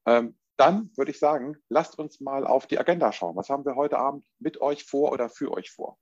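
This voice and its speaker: Chatty German host on a call. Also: male voice, medium pitch, moderate pace, no room sound. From Göttingen, Germany. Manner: relaxed, chatty moderation with fillers. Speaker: event host, coach. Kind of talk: online launch event presentation. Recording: dull dry online call audio.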